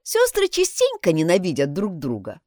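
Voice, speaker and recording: A woman's voice: on the low side, huge pitch swings, normal speed, a little mellow, no echo, clean studio sound. A woman voicing a critical, sceptical housemaid in an audiobook. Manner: critical, reasoning.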